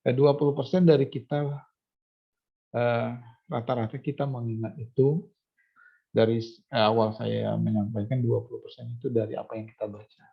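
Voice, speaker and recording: Gravelly-voiced male lecturer, lo-fi. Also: medium pitch, steady tone, moderate pace, pauses often. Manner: explanatory, many fillers and restarts, asks students if they follow. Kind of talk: recorded university lecture. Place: classroom or online class.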